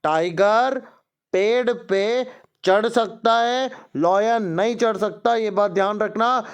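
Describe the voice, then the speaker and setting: A man with an Indian accent and a high-pitched voice runs a children's English lesson. He speaks slowly and deliberately, drilling each word before explaining it in Hindi. His tone is that of a coaching tutor addressing his students. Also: clean tone. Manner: promotional asides to paying students. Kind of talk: teaching a class-one English lesson in Hindi and English.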